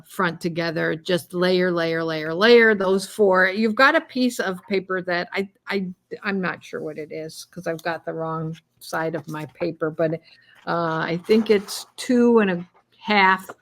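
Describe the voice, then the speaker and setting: A woman co-hosting a cardmaking video, chatting casually and a little rambly as she demonstrates. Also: on the low side. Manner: chatty, rambling, self-deprecating. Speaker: cardmaking co-host.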